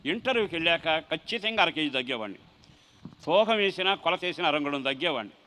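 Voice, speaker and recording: A middle-aged man, a pastor preaching his testimony and swelling into loud emotional cries. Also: on the high side, animated, fast talker, poor audio. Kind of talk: testimony sermon.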